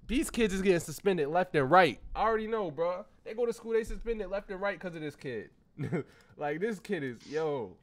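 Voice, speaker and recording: Animated high-pitched man reacting. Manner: animated, exclaiming, addresses viewers as y'all. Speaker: reaction video host. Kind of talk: casual reaction commentary.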